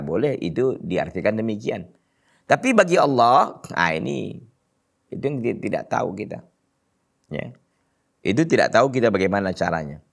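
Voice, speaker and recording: A man's voice: on the low side, creaky, a bit bright. A man with a North Sumatran Indonesian accent giving an Islamic study lecture, reciting Arabic phrases, then translating them and asking rhetorical questions. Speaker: religious teacher.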